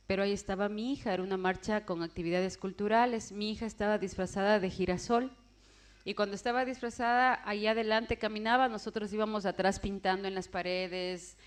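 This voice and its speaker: A woman telling her personal testimony as a vivid story, acting out the voices of the people in it. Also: mid-range voice. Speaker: testimony speaker.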